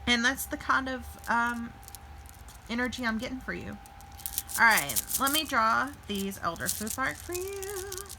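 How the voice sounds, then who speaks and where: A woman's voice: fairly high pitch, lively intonation, unhurried, vocal fry, bright, forceful tone, a little hiss or hum, rough recording. A woman giving a casual tarot reading to her viewers, chatty and thinking aloud with fillers and restarts. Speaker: tarot reader.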